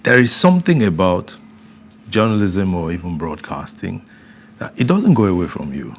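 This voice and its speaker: A male interview host with a low, gravelly voice keeps the talk going and affirms his guest often. He sounds attentive and engaged. Faint background noise sits behind him. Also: sing-song, normal speed. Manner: frequent affirming backchannels, attentive. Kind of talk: conversational interview.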